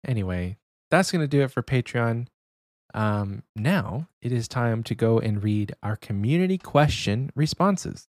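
A man's voice: mid-range voice, lively intonation, unhurried, no room sound, studio quality. A young adult man co-hosting a podcast in casual chat, keeping his voice down. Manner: talking quietly to avoid waking someone. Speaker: podcast co-host.

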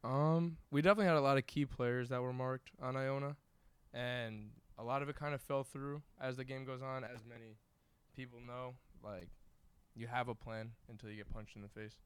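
A man's voice: medium pitch, steady tone, moderate pace, smooth. A young American man, a college soccer player from New York, answering interview questions casually in a locker room. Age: young adult. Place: indoors in a team locker room.

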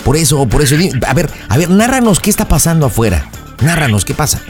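A man with a Mexican accent hosting a prank call radio show, coaching his callers in an animated, playful way. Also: on the high side, quick pace, faint music behind. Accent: Mexican Spanish. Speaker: radio host.

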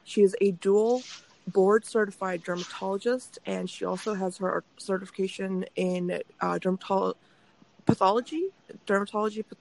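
A woman's voice: mid-range voice, steady tone, moderate pace, vocal fry, darkish tone, rough recording. A woman hosting a podcast interview who speaks in an upbeat, self-deprecating way and stumbles over long medical terms. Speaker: podcast host.

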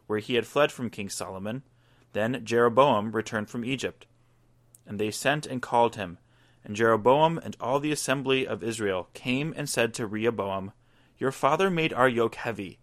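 A man reading a scripture passage aloud in a measured, deliberate way. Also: on the low side. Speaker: scripture reader.

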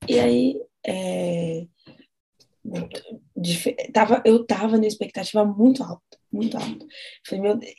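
A woman's voice: mid-range voice, gravelly, warm tone, breathy edge. A Brazilian woman co-hosting a podcast, talking in a rambling, emotional way with nervous laughs. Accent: Brazilian Portuguese. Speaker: podcast co-host. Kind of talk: casual conversation.

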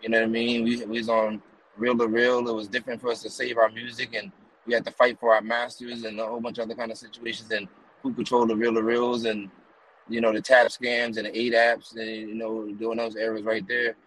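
Here the East Coast rapper-promoter speaks in a mid-range monotone at a brisk clip, his tone a bit bright, on a low-quality recording. He's a guest in a casual in-car interview, stringing together rambling run-on tales with plenty of fillers and "you know what I mean."

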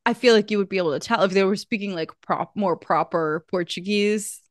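This young woman co-hosts a podcast, talking briskly at a medium pitch. It's studio quality with no room sound, and her casual chat is full of fillers and restarts.

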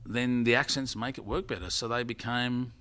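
A man with an Australian accent chatting in an interview as a former warm-up comedian, telling jokes animatedly. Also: mid-range voice, moderate pace. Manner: animated, joke-telling raconteur. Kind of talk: casual interview chat.

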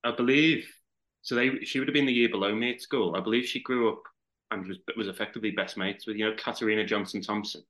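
Scouse guy on a podcast, lowish voice, rambles and restarts a lot. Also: fairly even intonation, quick pace, fairly bright tone, poor audio. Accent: Liverpool. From Liverpool, England. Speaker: podcast guest. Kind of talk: casual chat.

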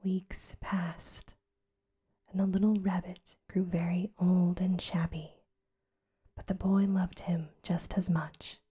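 A woman reading a bedtime story aloud in a soft, even ASMR whisper. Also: fairly low pitch, slow, breathy edge.

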